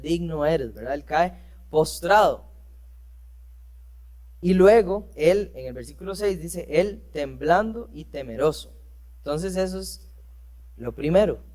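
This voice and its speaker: His voice on the high side and a touch mellow, a preacher leads a church lesson at an unhurried pace with lively intonation. He reads passages of scripture, explains them with rhetorical questions, and frequently uses fillers and revises what he's said.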